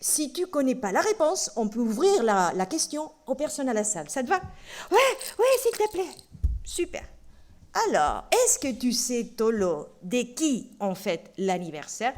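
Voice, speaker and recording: A woman's voice: fairly high pitch, moderate pace, hardly any pauses. A woman preacher giving a playful children's sermon in a church. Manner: lively and playful, talking to children.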